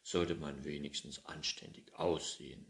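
A grumpy old farmer who likes things tidy, voiced by a man reading aloud. He scolds and grumbles in a deep, unhurried voice. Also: steady tone, creaky, heavily acted. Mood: grumbling.

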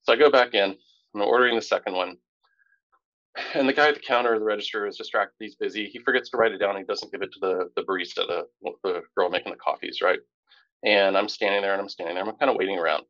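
Casting: low-voiced male podcast co-host, animated storyteller, dull dry lo-fi recording. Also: quick pace, dry recording. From Tampa, Florida. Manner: animated storyteller, rising pitch when indignant. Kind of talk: casual storytelling chat.

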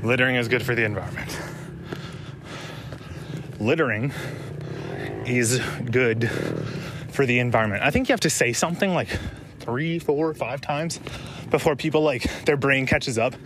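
A man's voice: medium pitch, animated, brisk, background noise. A young man vlogging outdoors while he runs by a river, a little out of breath, rambling and swearing as he argues a contrary point. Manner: profane, rambling, provocative. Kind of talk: running vlog monologue. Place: outdoors, running along a riverside.

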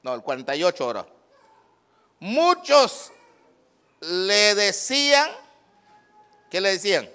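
A male pastor preaching a fervent sermon, swinging between shouts and low asides. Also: big pitch swings, slow, pauses often, smooth.

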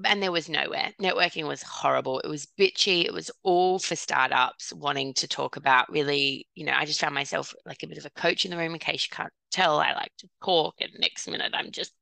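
Gravelly low-voiced businesswoman. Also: a little fast, few pauses, sharp tone, no echo. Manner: chatty and self-deprecating, with frequent restarts. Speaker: podcast guest, business owner. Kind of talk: candid storytelling in conversation.

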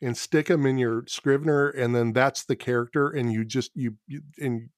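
A man's voice: mid-range voice, steady tone, moderate pace, no echo. A man talks easily as a guest on a podcast, laughing at his own speech habits. His voice sits in a middle register. It is recorded close and dry, with no room sound. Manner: chuckles often, mocks his own verbal habits. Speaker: guest author. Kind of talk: casual podcast chat.

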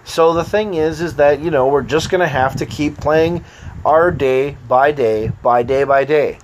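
Here a man from the US talks on his own podcast at a measured pace, his pitch fairly high. It's a casual, rambling monologue, easygoing and loose, full of fillers and restarts. The audio is low quality, with a little hiss or hum.

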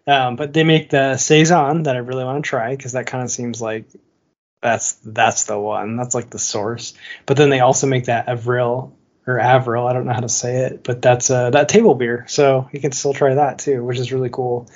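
A man's voice: medium pitch, level tone, normal speed, muffled recording. A man co-hosting a podcast in casual chat, talking loosely with many fillers and frequent laughs. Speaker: podcast co-host.

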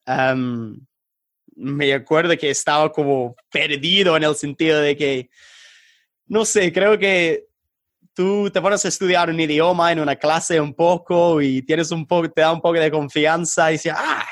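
Man telling stories in halting Spanish. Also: fairly high pitch, dry recording, clean studio sound. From England. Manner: hesitant, halting, animated anecdote telling. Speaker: podcast guest. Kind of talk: casual storytelling in an interview.

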